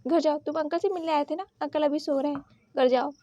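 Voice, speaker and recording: A stern, possessive president who snaps out short commands, as a woman plays him. The voice stays very high with a warm, mellow tone. The sound is dry and close. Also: fairly even intonation, fairly quick, dry recording, natural voice. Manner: curt, commanding, scolding.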